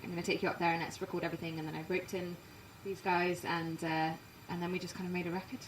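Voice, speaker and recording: A woman from England, partly raised in Canada, with an English accent, chatting quickly and self-deprecatingly as a musician being interviewed. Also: fairly low pitch, flat delivery, roomy sound, far from the mic, a little hiss or hum, poor audio. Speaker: musician guest. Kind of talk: casual interview chat. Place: inside a parked trailer.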